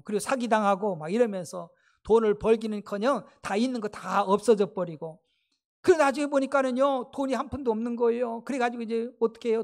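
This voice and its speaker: High-voiced pastor telling a sermon story. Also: male voice. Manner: lively storytelling, asks the congregation questions. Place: church sanctuary.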